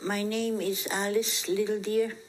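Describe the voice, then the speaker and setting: A woman's voice: mid-range voice, flat delivery, a little slow, music in the background, poor audio. A woman in her seventies giving interview testimony as a residential school survivor, recalling events plainly. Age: 70s.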